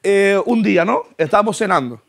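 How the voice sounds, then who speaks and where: A man's voice: high-pitched, fairly quick, gravelly. A young man tells a comic story, acting out voices and laughing as he goes. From Canary Islands. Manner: animated, acts out voices, laughs through lines. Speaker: comedian.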